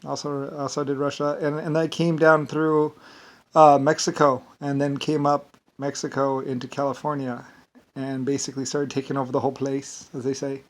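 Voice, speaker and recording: At a moderate pace and in a flat, mid-range voice, an American man with a lilt that sounds Irish meanders casually from point to point. He keeps reaching for the word "basically."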